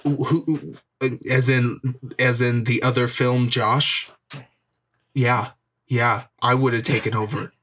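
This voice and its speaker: A young man co-hosting a film podcast in relaxed, casual chat. He often stalls and repeats words mid-sentence. His delivery has a wry, joking edge. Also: medium pitch, slow. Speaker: podcast co-host.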